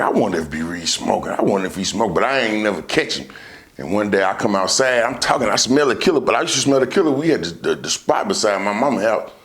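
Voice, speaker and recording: A man talks like a laid-back stoner. He tells stories casually, circling back over his phrases. His speech is thick with slang and swearing. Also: fairly low pitch. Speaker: vlogger. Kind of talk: casual storytelling to camera.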